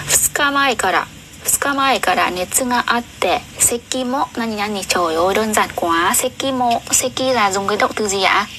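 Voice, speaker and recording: A young woman tutoring Japanese on a livestream, chatty and often asking viewers questions, reading sentences slowly. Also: mid-range voice, noisy background. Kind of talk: casual livestream lesson.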